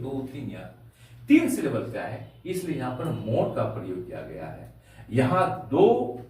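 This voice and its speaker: A man teaching a grammar lesson to a class, slowly spelling out words letter by letter and asking rhetorical questions. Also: fairly high pitch. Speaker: English teacher. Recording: very echoey room, from far off.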